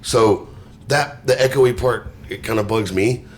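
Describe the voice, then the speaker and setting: A man hosting a podcast chats casually and swears freely, joking at his own expense in an echoey living room. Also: measured pace. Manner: self-deprecating, joking. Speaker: podcast host. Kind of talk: casual chat, frequent swearing. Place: living room with tile floors and tall ceilings. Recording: echoey tiled high-ceilinged room, background noise.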